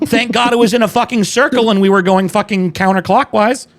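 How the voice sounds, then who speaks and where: High-pitched, creaky-voiced man ranting casually. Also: steady tone, a little fast. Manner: foul-mouthed ranting and teasing. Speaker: podcast co-host. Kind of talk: casual banter.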